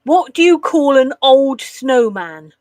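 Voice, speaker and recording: A woman with a high-pitched, very animated voice speaks at a slow pace with a darkish tone, captured as clean studio sound with no room sound. Slightly nasal from a cold, she live-streams casually, telling corny jokes, giggling at them, swearing now and then and groaning at bad puns.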